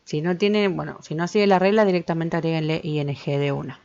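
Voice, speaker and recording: Casting: low-voiced woman teacher, patient, checks in often; gravelly edge. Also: steady tone, brisk, darkish tone. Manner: patient, repeats points and checks with "¿sí?". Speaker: English teacher. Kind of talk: explaining grammar to students. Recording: slightly dull lo-fi recording.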